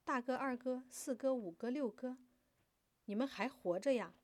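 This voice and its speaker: A woman voicing a fiery, defiant young daughter who declaims loudly and passionately. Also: high voice, normal speed, no room sound, voice pushed up, natural voice. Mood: anguished. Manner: impassioned, loud declaiming.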